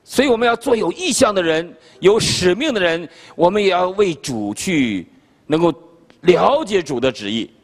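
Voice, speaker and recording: Older Chinese male pastor, animated story-driven sermon, lively pitch, long hall reverb. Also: normal speed. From China. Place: conference hall.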